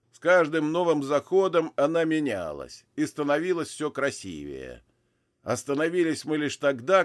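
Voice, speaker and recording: A man's voice: fairly high pitch, voice pushed up. A man voicing a sly, mocking male demon boss who buys souls, sneering and gloating as he talks. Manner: gloating, sneering, laughs cruelly.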